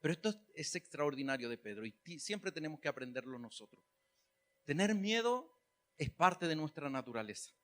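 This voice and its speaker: Male pastor, high bright voice, folksy humorous sermon delivery. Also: very animated, fairly quick. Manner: conversational preaching with humor, rising to emphatic calls.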